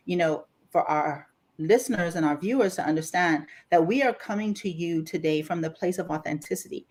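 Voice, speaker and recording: A woman with a Bahamian accent, a life coach co-hosting a podcast, talking in a lively, emphatic way and laughing often. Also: lowish voice. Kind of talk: casual podcast chat.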